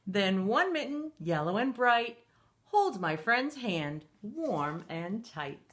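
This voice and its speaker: Reading aloud to little kids at storytime, this middle-aged woman uses a playful, sing-song delivery. Her medium-pitched, fairly bright voice moves slowly and swings widely in pitch.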